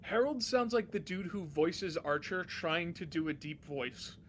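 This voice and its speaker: High, bright-voiced joking gamer guy. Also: animated, measured pace, faint music behind. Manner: laughs a lot, jokey and irreverent. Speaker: gaming commentator. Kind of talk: casual let's-play banter.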